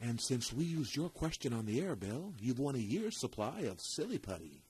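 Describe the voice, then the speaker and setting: A man's voice: medium pitch, very animated, moderate pace, darkish tone, a little hiss or hum, natural voice. A man playing a 1950s TV announcer in a kids science show spoof, reading sponsor ads in a punchy, sing-song delivery. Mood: salesy.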